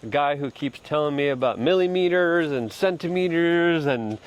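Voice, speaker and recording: A man's voice: a little high, normal speed, smooth, highs cut off. A man from Poland hosting a casual walk-and-talk commentary outdoors, rambling with fillers and restarts. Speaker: host.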